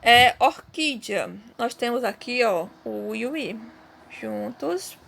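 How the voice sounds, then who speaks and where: A woman's voice: fairly high pitch, a little slow, gravelly, a bit bright. A Brazilian woman teaching a Portuguese lesson, patiently explaining step by step and often checking in with her students. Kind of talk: recorded online class.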